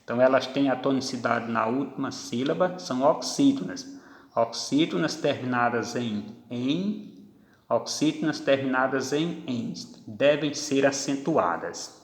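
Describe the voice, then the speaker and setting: A man teaching a grammar lesson, speaking slowly and deliberately and stretching out each example word. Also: medium pitch, expressive. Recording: echoey room with long reverb.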